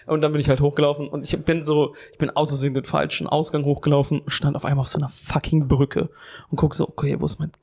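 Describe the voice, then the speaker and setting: A man's voice: a little high, flat delivery, fast talker, creaky, a little mellow. A young man co-hosting a comedy podcast, telling a long story in a rambling, profane way and often circling back with fillers. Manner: rambling, swears a lot, keeps restarting with "anyway". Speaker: podcast co-host.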